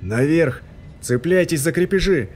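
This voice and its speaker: Gruff commanding officer, voiced by a male narrator; curt, grumbles, barks orders. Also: mid-range voice, normal speed, warm tone, slight background noise, natural voice. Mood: barking orders.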